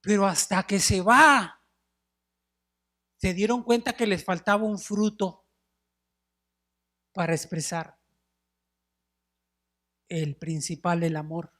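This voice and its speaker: Speaking slowly with long pauses, this middle-aged man has a high-sitting voice as he delivers a sermon from the church sanctuary. The pastor animates his stories, even imitating wailing mourners, addresses the congregation as brothers, and mixes in English words.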